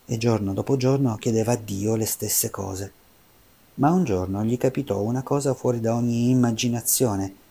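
A man reading a folk tale aloud as narrator, in a measured, expressive way. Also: medium pitch, vocal fry, slightly rough. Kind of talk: storybook narration.

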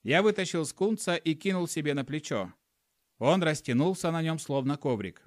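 Man, audiobook narrator, fantasy story, fairly high voice, animated. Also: moderate pace, no room sound, studio quality.

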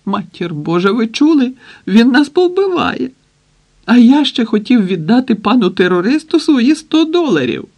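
A man voicing a frightened, fussy old male writer in an audiobook, with a shrill, pleading manner. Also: very animated, measured pace, dark tone, full character voice. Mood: panicked.

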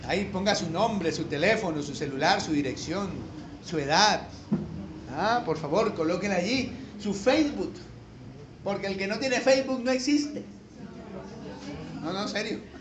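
A Colombian man preaches in a high, ringing voice that bounces around a reverberant church room. He talks to the congregation in a folksy, joking way, then climbs to emphatic peaks, with a faint hiss under the sound. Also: normal speed, long pauses. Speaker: pastor. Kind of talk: conversational sermon. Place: church sanctuary.

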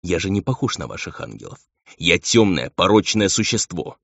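A man's voice: deep voice, very animated, moderate pace, creaky, fairly bright tone, dry recording, full character voice. A man voicing a stern half-demon envoy. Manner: stern, insistent. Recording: dull lo-fi dry recording.

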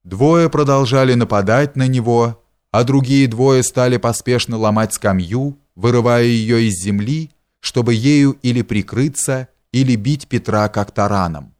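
A man reading a historical novel aloud as an audiobook, steady and measured. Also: medium pitch. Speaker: audiobook reader. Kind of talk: scripted narration of a historical novel.

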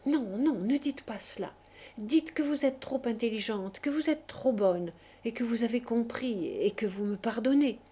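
A woman voicing an excitable, impulsive imprisoned male financier who speaks in effusive exclamations. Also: a little high, moderate pace, breathy edge. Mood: pleading.

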